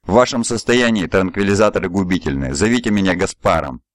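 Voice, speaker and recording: A man voicing a composed shaven-headed man in charge, calm, cool and commanding. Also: deep voice, quick pace, dry recording, lightly acted.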